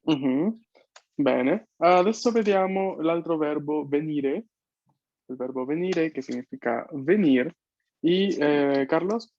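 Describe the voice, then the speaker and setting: A man's voice: a little high, slow, darkish tone, dry recording. Man teaching an online language class. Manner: patient, checks understanding with frequent questions. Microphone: video call. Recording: dull, dry video-call audio.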